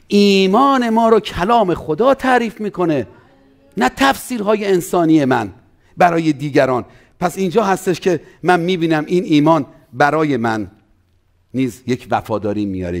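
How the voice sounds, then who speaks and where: A man preaching a sermon as pastor, swinging between loud emphatic runs and quiet asides. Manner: preaching with sweeping pitch and loudness swings, acting out quoted doubters.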